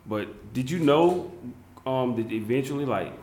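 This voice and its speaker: A man's voice: mid-range voice, lively intonation, a little slow, darkish tone, roomy sound, a little hiss or hum. A man from South Carolina hosting a casual interview, rambling with many fillers and restarts. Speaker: interview host.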